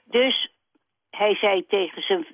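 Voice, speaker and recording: A woman from the Netherlands calling in to a radio show over the phone, telling a story in a plain, steady way. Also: medium pitch, slow pace, no echo. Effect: heard over a telephone line. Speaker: radio call-in caller. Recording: dry, tinny phone line.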